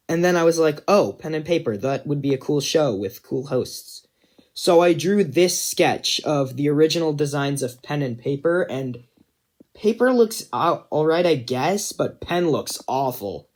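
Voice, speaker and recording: A young man giving casual, self-deprecating commentary on his own animation project, rambling with many fillers. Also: mid-range voice.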